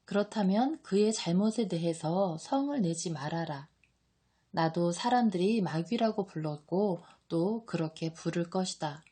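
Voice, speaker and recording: A solemn male teacher speaking low and quietly, grave and measured, in a warm, mellow voice, as a woman reads him aloud in an audiobook. He never hurries. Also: animated, breathy edge. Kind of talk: audiobook reading.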